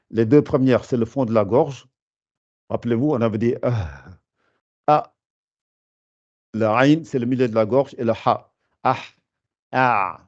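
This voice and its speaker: In an online class, a man with a warm, mid-range voice teaches Quran recitation, patiently explaining the rules with many fillers. He pauses to recite verses slowly, and the audio has its highs cut off.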